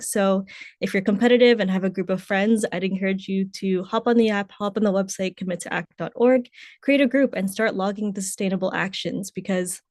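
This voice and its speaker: A woman's voice: mid-range voice, a little mellow, no echo, clean studio sound. A woman in her twenties, speaking bubbly and enthusiastic as a youth organization representative on a panel. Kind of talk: panel talk.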